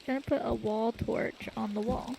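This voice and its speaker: Dry-humored gravelly gaming partner. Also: medium pitch, steady tone, moderate pace, noisy background. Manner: dry, teasing, easygoing. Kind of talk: casual gaming chat.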